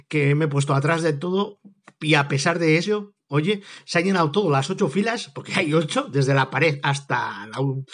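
A man's voice: a little high, a bit bright. A man hosting a podcast, talking in a casual, jokey, digressive monologue. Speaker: podcast host.

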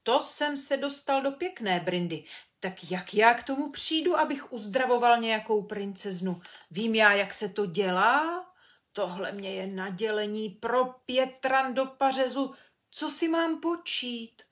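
A woman's voice: fairly high pitch, fairly bright tone, natural voice. A woman voicing a simple, good-natured male woodcutter who talks in a folksy, grumbling way in a children's storybook reading. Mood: worried grumbling. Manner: folksy, plain-spoken, grumbling.

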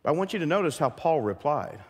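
A pastor preaching a sermon to his church, lively and full of questions to the congregation. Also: fairly high pitch, fast, husky, long reverb tail. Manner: animated, asks the congregation many questions. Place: church sanctuary.

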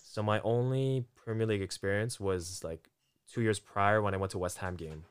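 A man in casual chat, telling a story with animated delivery, acting out quotes and laughing often. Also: lowish voice, moderate pace, clean tone.

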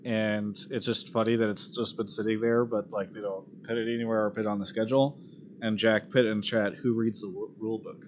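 Brisk and lowish, with little pitch movement, this man's voice carries a live esports call-in show. He chats casually and bluntly, with some swearing and exasperation, over dull lo-fi audio where background noise is clearly audible.

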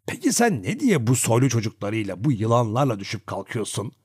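A man voicing a bitter, spiteful old coachman who shouts in a shrill, raised voice. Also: very animated, fairly quick, slightly rough, no room sound, studio quality. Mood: scornful.

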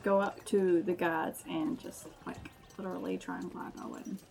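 A woman playing a tabletop game, giggly and quick to laugh. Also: on the low side, level tone, vocal fry, darkish tone, slight background noise. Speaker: player.

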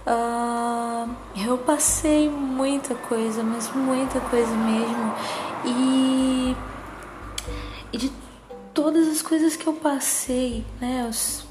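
Casting: woman, higher-pitched cutesy soft voice, slow and gentle personal monologue, music underneath. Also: fairly even intonation. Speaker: psychologist.

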